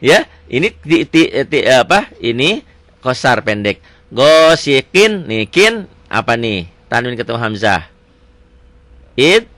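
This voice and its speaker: Lively, bright-voiced male teacher quizzing. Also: fairly low pitch, dry recording. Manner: quizzing with rapid repeated questions. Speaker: Quran recitation teacher. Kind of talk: one-on-one tajwid lesson.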